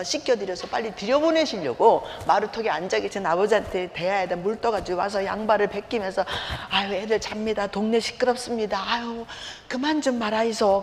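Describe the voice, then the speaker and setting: A middle-aged woman preacher giving a sermon woven with personal stories, acting out scenes as she tells them. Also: medium pitch. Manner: animated storyteller, acts out scenes. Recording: reverberant hall, faint background noise.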